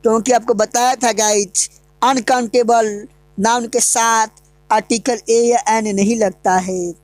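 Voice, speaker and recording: A woman's voice: on the high side, steady tone, a little slow, a little mellow, no echo. A woman teaching English grammar in an online lesson, asking the class questions and answering them herself.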